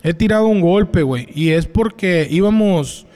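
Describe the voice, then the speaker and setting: A man tells stories with lively energy in a relaxed chat. His voice sits high for a man and is laced with street slang. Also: moderate pace. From Mexico, Culiacán. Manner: animated storyteller, heavy slang. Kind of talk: casual chat, storytelling.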